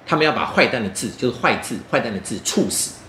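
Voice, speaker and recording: A man's voice: mid-range voice, lively intonation, quick pace, bright, forceful tone. A man with a Taiwanese Mandarin accent hosting a children's book talk, playfully explaining as if to young children and asking questions. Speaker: children's story show host. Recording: roomy echo, faint background noise.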